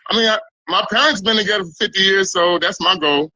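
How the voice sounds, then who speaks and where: A man from Israel, a guest on a live dating interview, giving short, flat answers. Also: high-pitched, fast talker, no room sound, highs cut off.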